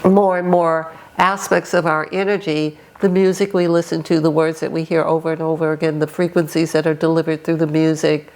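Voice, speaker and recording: An older woman talking earnestly and deliberately as a podcast guest, often restarting her sentences. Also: low voice, level tone, darkish tone. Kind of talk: casual podcast conversation.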